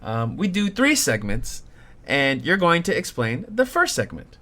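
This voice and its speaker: Guy hosting a goofy gaming quiz show, kinda high voice, laughs a lot. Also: a little slow. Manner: jokey, laughs often, lively. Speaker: game show host.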